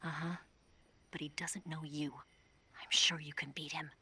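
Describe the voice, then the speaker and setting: A woman playing a calm, knowing spy informant, speaking in a breathy, husky, confiding way in video game briefing dialogue. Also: deep voice, full character voice. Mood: reassuring. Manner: hushed, measured, confiding.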